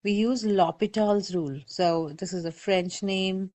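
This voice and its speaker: A woman's voice: medium pitch, fairly even intonation, measured pace, darkish tone. A woman math teacher giving a recorded calculus lecture, explaining step by step and often checking in with "okay?". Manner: patient, repeats warnings, checks in with "okay?".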